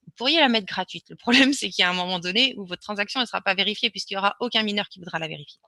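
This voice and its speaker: A woman's voice: medium pitch, racing, sharp tone, dry recording. A woman presenting a live webinar, talking casually and hesitantly with many fillers and restarts as she answers questions and shares her screen.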